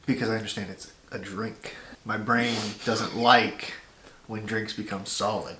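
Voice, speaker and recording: A man as a guest in a casual snack taste test, dry and teasing in a deadpan way. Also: lowish voice, a little slow, reverberant, background noise.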